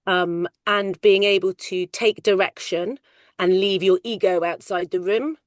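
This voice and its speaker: A middle-aged woman working in film casting, talking loudly and animatedly in a casual interview. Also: medium pitch, a little slow, no echo, studio quality. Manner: loud, animated, chatty storyteller. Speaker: ADR casting coordinator.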